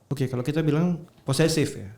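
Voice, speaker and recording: A man's voice: on the high side, mellow. Man hosting a podcast, echoey studio. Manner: leads with questions, drawn-out emphatic phrasing. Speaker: podcast host. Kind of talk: hosting a true-crime discussion.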